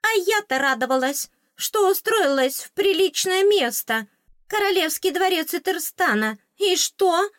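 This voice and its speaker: A squeaky, bossy tiny fairy. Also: female voice, lively intonation, unhurried, a bit bright, no echo, clean studio sound, heavily acted. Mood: scolding. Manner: shrill, theatrical outrage.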